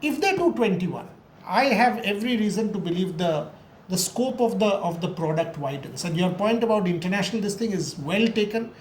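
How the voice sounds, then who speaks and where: A woman's voice: medium pitch, lively intonation, brisk. A woman in a casual discussion, talking emphatically with rhetorical questions and repeated words. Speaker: cricket discussion host. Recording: roomy echo with faint noise.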